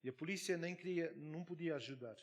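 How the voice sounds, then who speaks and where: A male pastor preaches in a fairly high voice. He tells his story with fervour, sometimes dropping low and sometimes surging loud. His delivery is a sermon. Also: fast talker, muffled recording. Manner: fervent storytelling with big swings in loudness.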